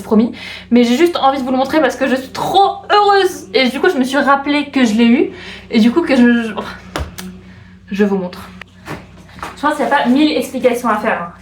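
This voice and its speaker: A young woman from France talks straight to her camera in a bubbly, gushing way, circling back to the same excited points. Her voice sits a little high. The room around her rings with noticeable echo, and faint hiss lies underneath. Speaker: vlogger. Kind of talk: casual vlog chat. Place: room at home.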